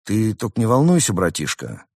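A man's voice: lowish voice, huge pitch swings, normal speed, a little mellow, no room sound, clean studio sound, full character voice. A man voicing a brash, joking male cat in a storybook reading, talking in cheeky slang.

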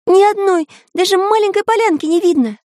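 A woman voicing Karandash, a fussy boyish pencil character, in a very high squeaky voice for a storybook reading. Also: moderate pace, dry recording, studio quality. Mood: alarmed.

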